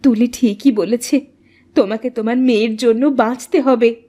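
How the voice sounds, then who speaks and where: An actress voicing a grieving young widow in a cartoon, bitter, determined and intense. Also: female voice, a little high, steady tone, moderate pace, dark tone, natural voice. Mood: grateful. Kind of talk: cartoon voice acting.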